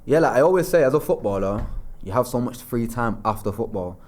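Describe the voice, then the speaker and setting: A man's voice: medium pitch, lively intonation, fairly quick, a little mellow. A young man, a former footballer, telling stories as a podcast guest in a laid-back way full of slang. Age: young adult. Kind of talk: casual chat.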